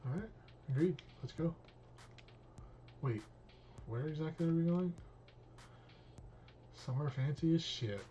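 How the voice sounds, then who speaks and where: A streamer reading a visual novel aloud, voicing all parts in a casual, cursing manner. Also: male voice, a little high, a little slow, long pauses, mellow, slight background noise. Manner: casual, reads all parts, drops in swear words.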